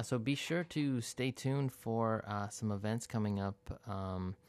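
A man with a lowish voice back-announcing tracks on a radio show. He talks in a loose, halting way, full of ums and uhs, relaxed and unscripted. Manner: halting, many fillers, relaxed. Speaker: guest radio host.

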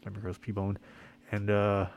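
A man hosting a music radio show in a casual, halting, quiet way, slightly muffled by the mask he is speaking through. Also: lowish voice, monotone, gravelly, clear, resonant tone. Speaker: radio host and DJ. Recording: faint background noise, muffled by mask.

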